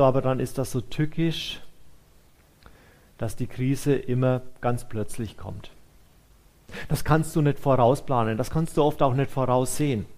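A man's voice: fairly high pitch, darkish tone. A male pastor preaching a sermon, addressing listeners directly with rhetorical questions.

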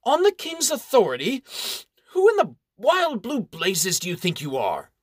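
A man's voice: sits high, wildly swooping pitch, measured pace, husky, dry recording, studio quality, pitched above the performer's own voice, exaggerated voice. A man voicing an impatient, blustering English baron who barks his words brusquely. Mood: scornful. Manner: brusque, barking.

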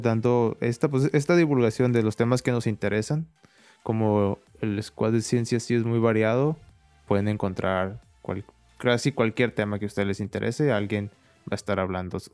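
A young man hosting an interview, relaxed and thinking aloud as he asks questions. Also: lowish voice, smooth. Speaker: interviewer, host. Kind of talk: casual interview chat.

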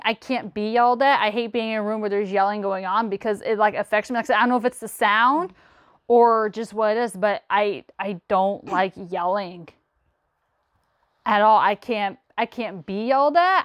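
A woman's voice: medium pitch, no room sound, studio quality. A woman hosting a casual podcast chat, talking in a chatty way that repeats itself, with frequent laughs. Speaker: podcast host.

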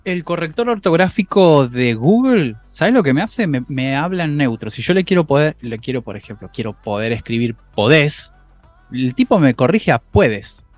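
A man with an Argentine accent co-hosting a casual tech podcast, animated, his voice jumping up when excited. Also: fairly high pitch, normal speed, no room sound, faint music behind. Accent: Argentine Spanish. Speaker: podcast co-host.

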